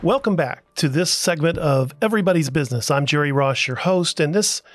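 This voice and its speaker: Podcast host, male, from Florida; easygoing chat with frequent "uh"s and restarts. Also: on the high side. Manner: unhurried, with many fillers and restarts. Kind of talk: casual talk-show chat.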